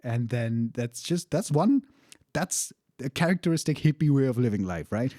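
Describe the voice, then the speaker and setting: A man's voice: mid-range voice, expressive, moderate pace, mellow, no echo, clean studio sound. A young man casually telling a personal story, candid and profane, laughing now and then. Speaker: storyteller recounting a travel experience.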